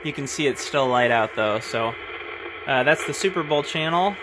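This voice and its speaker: Handling his radio gear at his desk, a man shows it off casually, thinking out loud and saying "uh" often. He speaks animatedly at a medium pitch and moderate pace, and the recording is very noisy.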